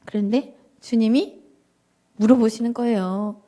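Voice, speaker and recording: A woman giving an emotional, animated church testimony to a congregation, acting out her prayers and joking with the audience. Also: fairly high pitch, measured pace. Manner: addresses the audience directly and jokingly. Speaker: guest speaker giving a personal testimony.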